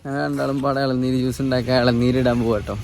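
A man with a Malabar Malayalam accent talks casually to his phone camera as he goes about errands. His voice sits at a middling pitch, and outdoor noise and passing traffic run behind him. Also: flat delivery, fast talker, darkish tone. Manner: chatty, teasing a small child in a raised playful voice. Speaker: family vlogger. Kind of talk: casual vlog narration. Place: outdoors, moving between shops and home. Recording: noisy outdoor phone recording.

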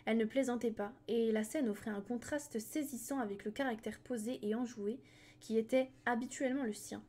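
Brief: woman streamer reading a book, mellow tone, casual and unhurried, stumbles now and then. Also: on the high side, steady tone. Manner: unhurried, with slips and restarts. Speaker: streamer reading a novel aloud. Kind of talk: live reading of a novel.

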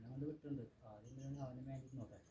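A man's voice: mid-range voice, steady tone, quick pace, mellow, low-quality recording. A man making casual remarks as a vlogger's companion, away from the microphone. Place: outdoors and in a cave, away from the mic. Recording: off-mic with some background noise.

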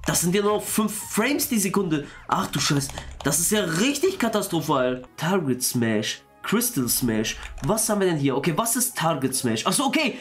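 A young man giving excitable let's-play commentary, quick to exclaim and swear as he plays. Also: a little high. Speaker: gaming YouTuber.

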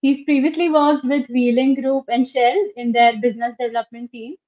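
A young woman with a fairly high voice introduces the guests in a steady, read-out manner. Her voice comes over a muffled, lo-fi video call, recorded on a webcam at home. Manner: reads out formal introductions steadily. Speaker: student event host. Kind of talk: scripted introduction. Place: home room, indoors.

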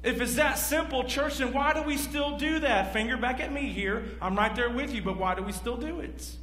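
Preaching to his congregation, a man in his forties talks at normal speed in an extremely high-pitched voice. He questions the listeners while pacing a large church stage and gesturing with animation. The hall echoes, and there's a faint hum.

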